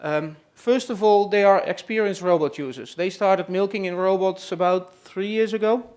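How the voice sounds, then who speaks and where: Presenting a farm tour session in a trade expo room, a halting Dutch man from the Netherlands gives a live introduction to the audience. His voice sits high and sounds a little mellow. He hesitates a lot, filling gaps with "uh" and "let's say."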